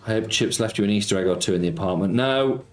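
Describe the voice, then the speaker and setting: A fast-talking man with a voice on the low side, this middle-aged slots streamer from Nottingham, England, chats casually on a live stream. He reads viewer messages aloud and greets people with cheeky banter from an echoey indoor home streaming room, with faint music in the background.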